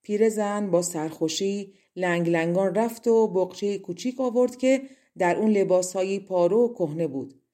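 A woman narrating a fairy tale audiobook in a calm, measured way. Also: mid-range voice. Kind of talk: storybook narration.

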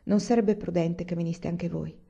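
A woman reading a story aloud and voicing a cautious, gentle young husband who speaks low and measured. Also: fairly even intonation, gravelly, breathy edge. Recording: dull lo-fi recording.

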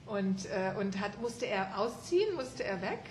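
A woman's voice: mid-range voice, very animated, unhurried, darkish tone. Woman teacher doing an oral interview, lots of encouraging prompts, echoey room, noisy background. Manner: encouraging, with frequent affirmations and prompts. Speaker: language teacher interviewing a student. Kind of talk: conversational oral language interview. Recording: roomy echo, clear background noise.

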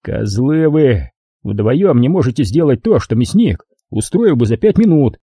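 A menacing drunk gang leader, voiced by a man reading a storybook aloud. He snarls crude threats in a husky, dark voice. The sound is dry and close. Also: mid-range voice, very animated, a little slow, no echo, exaggerated voice.

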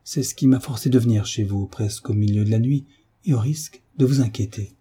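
A man reading the part of an earnest country doctor in a grave, measured way, with a husky voice. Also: on the low side, warm tone.

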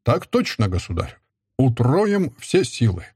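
A man voicing a dutiful general in an audiobook, giving a stiff, formal report in a husky voice. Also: mid-range voice, big pitch swings, measured pace, darkish tone, no echo, clean studio sound. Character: dutiful male general, security chief.

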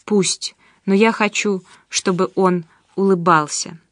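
Brief: woman narrator as a drowsy, indifferent man; mid-pitched, dry close read. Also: steady tone, slow, dry recording, close to an everyday voice. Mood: detached. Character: dazed, dreamy young man, detached.

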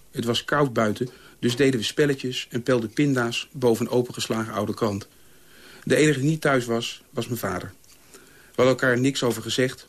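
A man reading a personal memoir aloud in a calm, measured way. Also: medium pitch. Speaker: reader.

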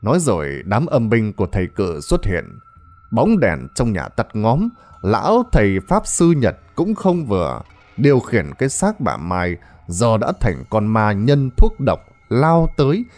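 A male storyteller narrates a ghost tale with theatrical flair. His pitch swoops up and down constantly. Dramatic and lively.

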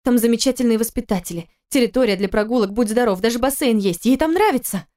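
A woman's voice: fairly high pitch, quick pace, dark tone, voice pushed up, natural voice. A woman voicing an agitated young wife. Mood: defensive. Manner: pleading, indignant, agitated. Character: young wife and mother, defensive, pleading. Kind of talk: audiobook character reading.

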